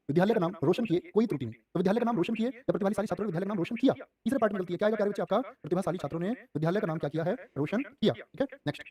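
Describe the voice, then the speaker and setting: A male teacher leading a live online exam-prep class, quizzing students with quick repeated questions and addressing them as dear children. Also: high-pitched, mellow, distant mic.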